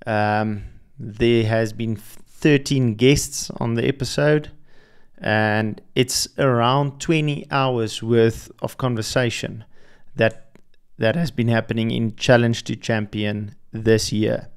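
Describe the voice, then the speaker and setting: A young adult man whose first language is Afrikaans hosts a podcast, reflecting alone in a hesitant monologue full of restarts and fillers. He takes it slowly, with a clear, resonant, mid-range voice and fairly even intonation.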